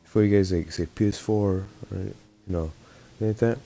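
A man's voice: low voice, fairly even intonation, fairly quick, gravelly, dark tone. A young man casually talking over his online shooter gameplay, rambling and laughing often as he plays. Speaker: gaming YouTuber.

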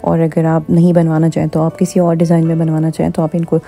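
A woman narrates a vlog tour of a show home, walking room to room with a handheld phone as faint music plays. Her voice sits low and warm with vocal fry, monotone and fast. She's chatty, heavy on fillers, and code-switches into English.

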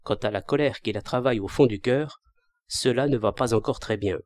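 A man's voice: medium pitch, fairly quick, a little mellow, dry recording, studio quality, lightly acted. A man reading a novel aloud, voicing a female chambermaid who reports plainly. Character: female chambermaid, matter-of-fact servant.

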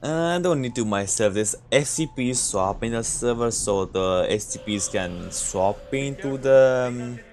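Young man, from Romania, game streamer, relaxed joking chatter, slow unhurried speech, faint background noise. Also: medium pitch. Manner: laid-back, joking, laughs often. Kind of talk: casual gameplay chat with viewers.

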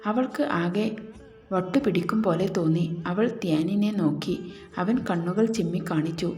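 A woman telling a romantic story with soft, emotional narration. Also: fairly low pitch, normal speed. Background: faint background music.

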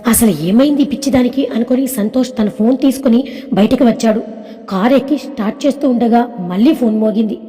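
Brief: woman storyteller, higher pitch, very mellow dark tone, long reverb. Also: brisk. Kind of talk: scripted story narration. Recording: echoey reverb.

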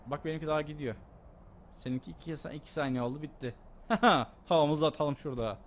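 A young man casually commenting on his own gameplay, joking and excitable, talking to his viewers. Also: fairly high pitch, fast, slight background noise. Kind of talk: casual let's play commentary.

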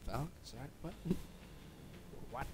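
Unhurried and expressive, a young man with a medium-pitched voice commentates loosely on his gameplay for a gaming video, with background noise behind him. He's tired, laughs, swears occasionally, and wanders off on tangents.

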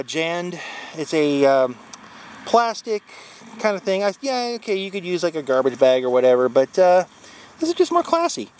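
A man's voice: on the high side, a little hiss or hum. A man in his forties from Wisconsin casually walking through his touring bike gear in one take, rambling with lots of fillers and self-corrections, filmed outdoors at a trailhead with a handheld camera at arm's length. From Wisconsin, USA. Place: outdoors at a trailhead parking area. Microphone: handheld action camera at arm's length.

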